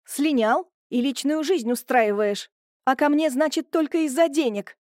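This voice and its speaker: Woman doing upset young woman, high shrill pleading, dark tone, dry audiobook. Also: unhurried, no room sound. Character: emotional young woman, tearful and defensive. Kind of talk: audiobook character voicing.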